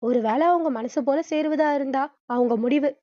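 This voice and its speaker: A level-headed young man makes dry, mocking remarks, as a woman reads him. The voice stays high and light. The recording is dry and slightly dull. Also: moderate pace, warm tone, no echo, close to an everyday voice. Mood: calm.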